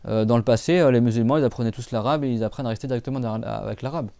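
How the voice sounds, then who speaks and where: Guy teaching recitation, smooth clear voice, dead dry sound, chatty with lots of fillers. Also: medium pitch, racing, dark tone, no room sound. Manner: patient, repeats and drills sounds; casual spoken French with many fillers. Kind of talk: live class explanation.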